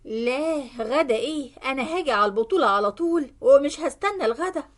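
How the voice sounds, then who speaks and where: A woman plays a trusting middle-aged Egyptian company owner in a spoken story, slow and soothing. The voice sits high for a man. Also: expressive. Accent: Egyptian Arabic. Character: kindly, gullible middle-aged male company boss.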